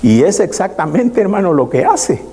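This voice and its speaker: A man's voice: high voice, very animated, dark tone. Preaching man in a reverberant church. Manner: preaching with many pauses and repeated "hermano". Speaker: pastor. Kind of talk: sermon.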